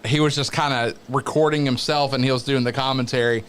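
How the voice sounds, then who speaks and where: A man's voice: mid-range voice, steady tone, a little fast, fairly bright tone, clean tone. An American man telling career anecdotes as an interview guest, in casual conversation. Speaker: wrestling announcer and radio veteran, interview guest. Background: background noise, wrestling show playing on a TV.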